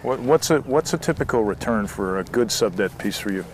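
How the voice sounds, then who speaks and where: A man with a fairly low voice gives a casual sales tour of a property. He was recorded on location, with clear noise behind him. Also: animated, fairly quick. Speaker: property developer giving a tour. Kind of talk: casual walk-through sales talk. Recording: noisy on-location documentary sound.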